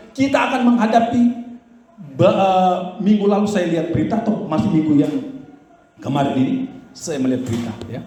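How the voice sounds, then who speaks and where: A middle-aged pastor preaching a sermon, telling a story and shouting commands in prayer. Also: male voice, a little high. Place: church hall. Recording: very echoey church hall.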